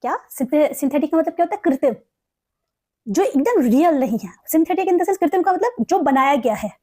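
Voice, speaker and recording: High-voiced Indian woman teaching vocabulary. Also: expressive, mellow. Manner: mixes Hindi explanation with slow, carefully read English examples. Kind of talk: explaining word meanings in a lesson.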